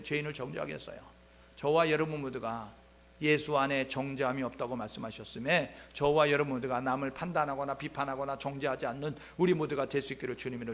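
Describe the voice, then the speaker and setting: Animated male pastor preaching. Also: on the high side. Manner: animated storytelling, acting out biblical scenes in dialogue; addresses congregation directly with rhetorical questions. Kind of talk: sermon.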